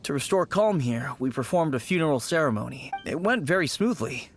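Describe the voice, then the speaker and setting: Timid young undertaker, very lively pitch. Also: male voice, brisk. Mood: calm, apologetic. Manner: nervous, politely formal. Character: jittery, timid young male rookie undertaker, politely formal. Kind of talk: animated game voice acting. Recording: music playing behind.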